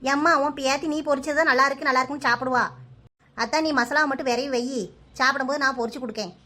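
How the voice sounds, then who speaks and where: A busy village housewife from a cartoon, played by a woman, high-voiced and quick, with a Kanyakumari accent. She is practical and a little defensive. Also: steady tone, bright, forceful tone. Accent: Kanyakumari Tamil. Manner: brisk, practical explaining. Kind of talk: cartoon voice acting.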